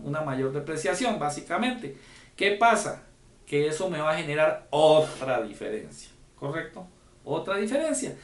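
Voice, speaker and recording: A man's voice: a little high, roomy sound. A man giving a conference lecture on tax rules, explaining step by step and often checking in with the audience. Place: conference room.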